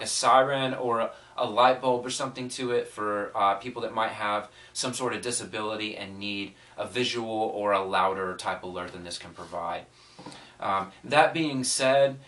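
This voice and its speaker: A man with a medium-pitched, fairly bright voice does a casual unboxing review, thinking aloud conversationally. The mic is distant, with faint noise and clicks.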